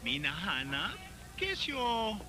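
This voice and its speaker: An actor playing a flamboyant, effeminate, theatrical club manager in a comedy film, campy and gushing with slang. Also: male voice, high-pitched, huge pitch swings, slow pace, exaggerated voice. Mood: breezy, sassy.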